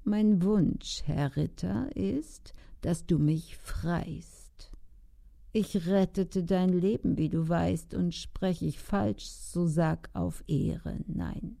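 A woman's voice: on the low side, extremely slow, creaky, mellow, full character voice. A woman voicing a cunning, ugly old woman who commands her new husband in rhyming verse. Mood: pleading. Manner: pleading then domineering, rhyming verse.

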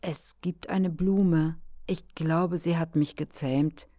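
A woman voicing a small, sad, wondering boy prince in a storybook reading, speaking softly and plaintively. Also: deep voice, fairly even intonation, slow, dry recording, studio quality. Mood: wistful.

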